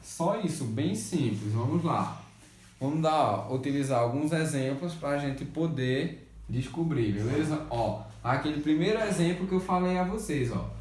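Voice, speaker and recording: A man's voice: on the high side, lively intonation, normal speed, a little mellow, echoey room. A Brazilian man teaching an English lesson in Portuguese. He keeps checking with his pupils and answers his own questions. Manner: patient, repeats checks like "tá certo?" and "beleza?"; asks questions and answers them himself. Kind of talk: remote school lesson.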